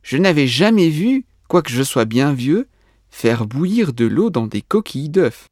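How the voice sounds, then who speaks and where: A man's voice: fairly high pitch, big pitch swings, measured pace, a little mellow, no echo, clean studio sound. A man voicing a very old, greedy male changeling monster in a storybook reading, exclaiming. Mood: astonished. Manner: exclaiming in astonishment.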